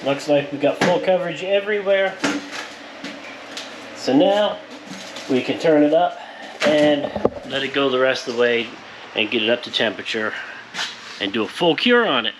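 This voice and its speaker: This is a plain-spoken man at a moderate pace with frequent pauses, his voice mid-range. A powder coater, he narrates his shop's work for viewers in a relaxed, explanatory, hands-on way. Workshop noise comes through clearly around him.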